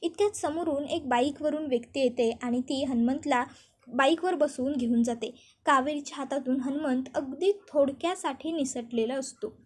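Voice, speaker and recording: A woman narrates a TV serial episode as a flowing story. Her voice sits high, and she reads each character's dialogue aloud within the narration. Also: normal speed, darkish tone. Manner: retells scenes and voices characters' lines in quotes.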